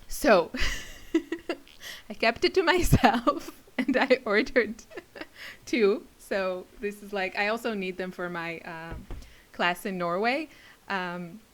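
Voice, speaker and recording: A craft teacher and video maker talks casually to her viewers on camera, rambling and giggling. Her voice is mid-range and her pace slow.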